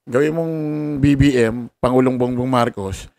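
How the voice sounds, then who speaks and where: A man's voice: medium pitch, moderate pace, darkish tone, no room sound. A man giving casual political commentary, rambling and forgetful, laughing often and tossing in salty asides. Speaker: online commentator.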